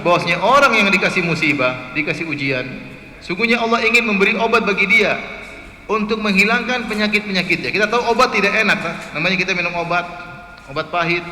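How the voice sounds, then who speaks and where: A man's voice: high-pitched, quick pace, sharp tone. A man preaching a sermon in a mosque, telling stories and asking the congregation rhetorical questions. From Indonesia. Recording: echoey mosque hall, faint hiss.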